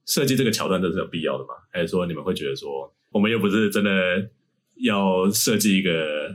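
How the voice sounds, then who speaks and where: A man's voice: low voice, lively intonation, quick pace, husky. A man hosting a casual podcast as an English teacher, laughing often and slipping English words into his talk.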